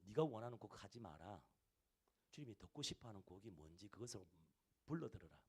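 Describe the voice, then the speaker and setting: A man's voice: lowish voice, very animated, a little fast, slightly rough. A male pastor preaching a sermon in a church service, repeating key phrases with rising and falling emphasis. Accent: Korean.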